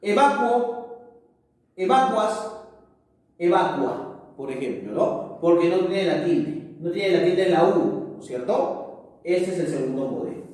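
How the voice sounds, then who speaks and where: A male teacher giving a grammar lesson, slowly reciting verb forms and checking understanding after almost every phrase. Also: fairly high pitch, lively intonation, mellow. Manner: tags nearly every phrase with "¿no es cierto?" and "¿correcto?". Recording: echoey hall, mic far off.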